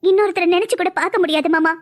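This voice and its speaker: Brief: woman as a pleading, heartsick young woman, high voice, cartoon. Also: rapid-fire. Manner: pleading, emotional. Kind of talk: cartoon voice acting.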